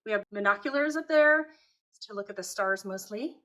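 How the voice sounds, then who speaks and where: A woman's voice: mid-range voice, moderate pace. A middle-aged woman who grew up in Taiwan, a homeschooling mother casually chatting as she shows her home. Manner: relaxed, chatty, matter-of-fact. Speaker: homeschooling mother and channel host. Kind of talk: casual home tour vlog. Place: at home, indoors.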